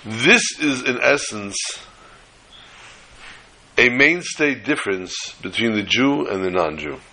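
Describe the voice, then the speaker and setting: Rabbi, man, mid-pitched and bright, didactic delivery of a Torah lesson. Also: expressive. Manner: deliberate, didactic, repeating phrases for emphasis. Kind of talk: religious lecture, reading and explaining texts.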